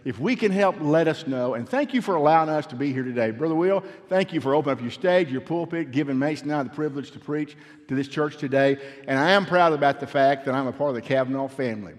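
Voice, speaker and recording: A man's voice: fairly high pitch, fast talker, long reverb tail. Older man addressing a church congregation. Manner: earnest, encouraging, repetitive phrasing. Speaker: university representative speaking to a church. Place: church sanctuary.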